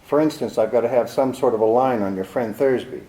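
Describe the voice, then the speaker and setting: A man's voice: medium pitch, fairly quick, dark tone, close to an everyday voice. A man playing a cynical, tough private detective with a wry, clipped, world-weary delivery, in 1940s radio drama style, in a roomy recording.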